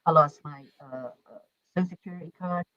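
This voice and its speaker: A man's voice: fairly high pitch, a little fast, no room sound. A man rambles casually as a guest on a live stream and laughs things off. His audio is muffled and keeps fading in and out as the stream quality drops. The sound is dull and dry, like a struggling computer mic. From Britain. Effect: muffled mic cutting in and out on a weak stream connection. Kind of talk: casual chat. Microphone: home computer mic.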